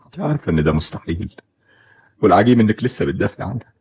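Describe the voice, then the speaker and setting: A man's voice: sits low, big pitch swings, rapid-fire, creaky, darkish tone, breathy edge, exaggerated voice. An actor playing a bitter, fearful father who accuses his wife, with an Egyptian Arabic accent, in an old film drama.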